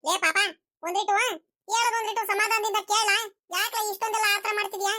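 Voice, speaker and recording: A woman's voice: very high-pitched, fairly even intonation, fast, a little hiss or hum. A woman voicing an impatient, fussy old village mother in a cartoon, speaking. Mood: impatient scolding. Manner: scolding, calls out loudly.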